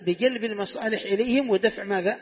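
A sheikh with a high-pitched voice teaches Quran commentary at a quick pace, going point by point and quizzing students with rhetorical questions. The recording sounds thin and phone-like, with a long echo from the lesson hall.

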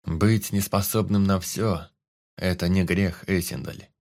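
Man doing a gentle calm celestial being. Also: low-pitched. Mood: gentle consoling. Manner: slow, calm, soothing.

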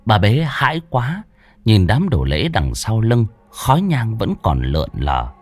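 A man's voice: on the low side, wildly swooping pitch, unhurried. A man narrating a horror story in a dramatic, vivid storytelling manner.

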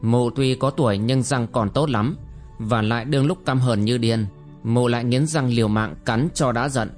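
A man narrating a martial arts novel as an audiobook, in a measured storytelling manner. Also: mid-range voice, darkish tone. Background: faint music.

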